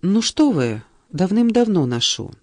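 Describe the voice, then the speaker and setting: A woman's voice: lowish voice, sing-song, a little slow, no echo, studio quality. A woman voicing a gracious, absent-minded female teacher who answers politely and distractedly, in an audiobook reading.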